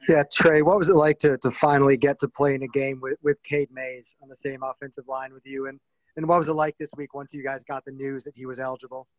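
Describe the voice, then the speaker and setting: A man's voice: medium pitch, little pitch movement, quick pace, no room sound, low-quality recording. A male sports reporter asking direct questions at a press conference over a video call.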